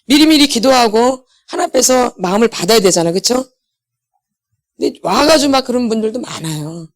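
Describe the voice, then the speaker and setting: Middle-aged woman preaching, bit high voice, keeps asking the room questions n answering them. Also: expressive, a little fast. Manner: asks the audience questions, answers them herself. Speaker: pastor's wife leading a healing meeting. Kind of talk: sermon.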